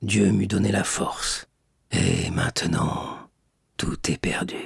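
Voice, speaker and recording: A man voicing an aged male prisoner, grave and weary, speaking low through a wall in a raspy, gravelly voice. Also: huge pitch swings, takes it slowly, dry recording, clean studio sound, exaggerated voice. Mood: despairing. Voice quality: low, sepulchral, muffled. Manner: questioning, terse, then despairing.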